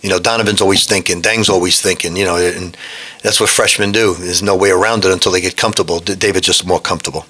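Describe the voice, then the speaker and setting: A man in his sixties, a head basketball coach, takes reporters' questions after a game at a desk microphone in a backdrop-lined press room. His low, husky voice is bright and forceful, fairly even in intonation and quick, and his frank, blunt answers include frequent restarts.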